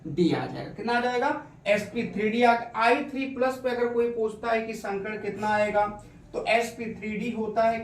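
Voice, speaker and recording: A man's voice: sits high, a little hiss or hum. A male chemistry teacher coaxing his pupils through a lesson, asking questions and answering them himself. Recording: echoey room, recorded from a distance.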